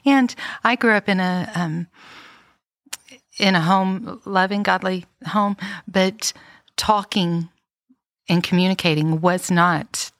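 Middle-aged woman, slightly low pitch, unhurried reflective podcast talk, dry mic. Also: dry recording. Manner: reflective, many fillers and restarts. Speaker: podcast co-host. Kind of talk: casual chat.

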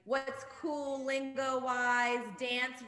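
A woman's voice: high voice, monotone, very slow, sharp tone, roomy sound, rough recording. A woman born in Jordan, an upbeat, talkative guest speaking over a video call. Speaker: music industry guest. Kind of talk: casual interview.

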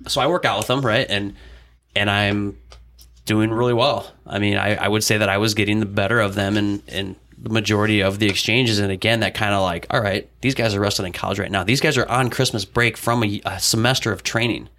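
Bright-toned, rambling coach telling a story. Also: male voice, lowish voice, steady tone, a little fast. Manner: rambling, full of "like" and restarts. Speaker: wrestling coach, podcast guest. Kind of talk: casual storytelling in an interview.

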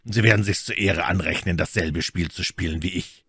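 A man reading an audiobook, voicing a scornful English lord in a low, dry, subdued tone. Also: fairly quick, vocal fry, sharp tone, breathy edge, no room sound, exaggerated voice. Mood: curt. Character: scornful male English lord, cool and curt.

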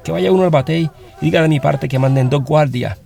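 A man voicing a suspicious veteran army sergeant who shouts his orders. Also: fairly high pitch, a little fast, gravelly, pitched above the performer's own voice. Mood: commanding. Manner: shouted commands.

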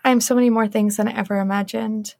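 On her casual solo podcast, a young woman speaks quickly in a steady, mid-range voice that's gravelly yet a little mellow. The recording is dry and studio-clean. She's earnest and encouraging throughout, with frequent use of "like."

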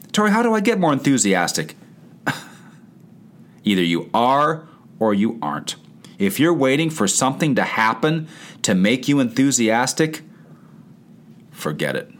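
An emphatic man giving a motivational talk to chiropractors. His pitch swings widely as he stresses key words, repeats them over and over and fires off rhetorical questions. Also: animated, slow, pauses often. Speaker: chiropractic practice coach.

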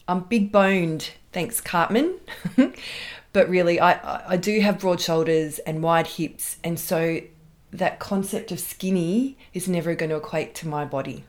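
Middle-aged woman, Australian accent, fairly low voice, solo podcast host, candid and chatty. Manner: candid, chatty, self-deprecating with quick laughs.

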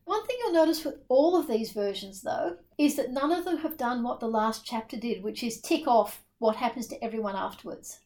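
A woman's voice: fairly high pitch, lively intonation, brisk, few pauses, a little mellow. A woman co-hosting a book podcast, talking in a chatty, opinionated way with emphatic repeats. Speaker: podcast co-host. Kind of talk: casual book discussion.

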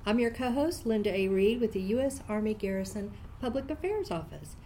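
A woman's voice: mid-range voice, animated, brisk, mellow, a little hiss or hum. An American woman co-hosting a podcast for a public affairs office, speaking in a cheerful, friendly way. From United States. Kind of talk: podcast interview.

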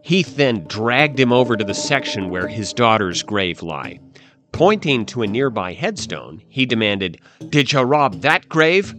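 A man narrating a dark history tale in a measured, suspenseful way. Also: lowish voice, big pitch swings. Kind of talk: dramatic history storytelling. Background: faint music.

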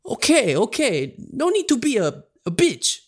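A man's voice: very high voice, wildly swooping pitch, a little slow, breathy edge, voice pushed up, heavily acted. A man voicing a polite, easily hurt friend with an Italian accent.

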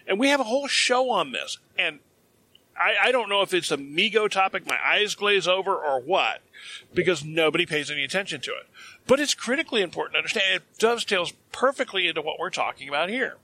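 A man's voice: sits high, lively intonation, a little fast, sharp tone. A man co-hosting a podcast, talking casually in a rambling, emphatic way and often correcting himself mid-sentence. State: dry throat. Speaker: podcast co-host.

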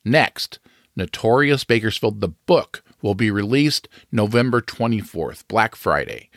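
A man's voice: lowish voice, no room sound, studio quality. A man hosting a podcast, reading a scripted true crime narration.

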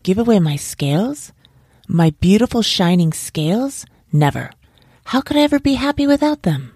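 A woman's voice: mid-range voice, big pitch swings, normal speed, darkish tone, husky, no room sound, clean studio sound, pitched above the performer's own voice. A woman voicing a proud, vain young male fish in a children's storybook reading, haughty and whiny. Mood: whining. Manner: haughty, whining.

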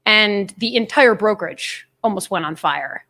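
A woman's voice: mid-range voice, lively intonation, moderate pace, pushed and bright. Chatty laughing woman host. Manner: laughing, swearing, chatty storyteller. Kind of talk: casual panel chat.

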